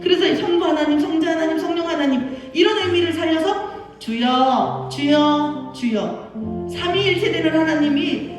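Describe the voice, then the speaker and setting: A woman pastor giving an animated sermon to children, talking to them with playful asides. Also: very high-pitched, brisk, music in the background. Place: church sanctuary. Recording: far-off voice in a very echoey church hall.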